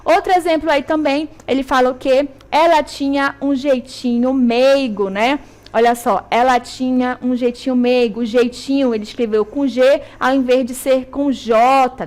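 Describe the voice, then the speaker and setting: A woman with a Brazilian Portuguese accent teaching a televised school lesson, checking in with her students often and slowly stressing syllables. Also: high voice, darkish tone. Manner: didactic, checks in with "tá?" and "certo?".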